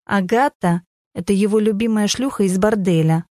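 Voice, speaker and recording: A woman voicing a sharp-tongued, mocking female friend with a raised, cutting delivery. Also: moderate pace, no room sound, clean studio sound, close to an everyday voice. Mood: scornful. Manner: scornful, cutting, raised pitch.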